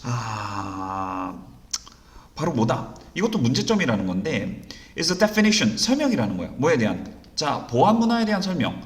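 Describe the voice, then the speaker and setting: A very animated man with a mid-range voice runs an exam-prep English reading lesson in Korean, asking and answering his own rhetorical questions. He reads the English sentences slowly and deliberately, and the recording has a roomy echo.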